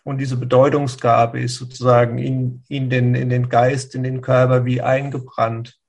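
Speaking with vocal fry, a medium-pitched, slightly mellow voice and flat delivery, a man serving as a spiritual teacher gives a slow, exploratory answer to a listener, full of pauses and restarts.

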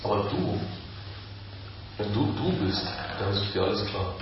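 A man, a spiritual teacher giving a calm, reflective satsang talk with slow pauses. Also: lowish voice, a little hiss or hum. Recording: echoey room from far off, dull.

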